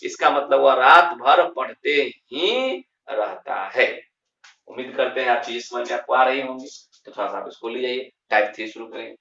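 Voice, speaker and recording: Male grammar teacher, deliberate, repeats himself; roomy, muffled, distant recording. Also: mid-range voice, sharp tone. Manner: repeats key terms, slow and emphatic, asks and answers himself. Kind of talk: classroom lesson explaining grammar. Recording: roomy, distant, dull lo-fi sound.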